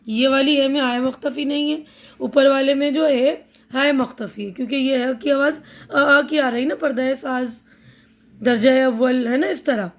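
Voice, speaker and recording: A woman's voice: sits high, steady tone. A woman teacher with an Indian Urdu accent explaining a textbook chapter, patiently repeating words for her pupils and slipping in English terms.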